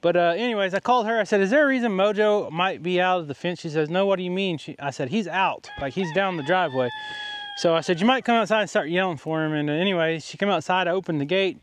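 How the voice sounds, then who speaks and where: A man, chatting casually outdoors on his farm in an easygoing rural way. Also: quick pace. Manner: easygoing rural talk, calling animals in a high coaxing voice. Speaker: farmer and channel host. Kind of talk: casual farm vlog narration. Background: goats, sheep and chickens.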